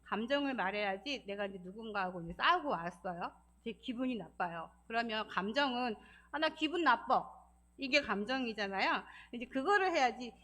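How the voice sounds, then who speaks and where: A woman with a fairly high voice gives a Sabbath school talk in church. She speaks in a lively, encouraging way, often laughs, and acts out quoted feelings in changing voices. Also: fairly quick, hardly any pauses. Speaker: deaconess giving a church lesson.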